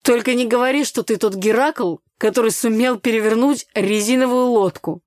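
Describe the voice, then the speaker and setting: A woman's voice: mid-range voice, animated, normal speed, no echo, clean studio sound, natural voice. A woman reading an audiobook, voicing a teasing teenage neighbor boy with a mocking tone.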